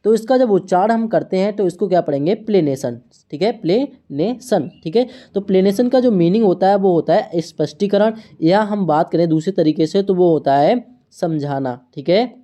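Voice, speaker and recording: A woman teaching English words to students, speaking slowly and repeating each word, spelling them out letter by letter and asking questions she answers herself. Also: lowish voice, dark tone. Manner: slow, repetitive teaching, frequent checks and questions to students. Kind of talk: online language lesson.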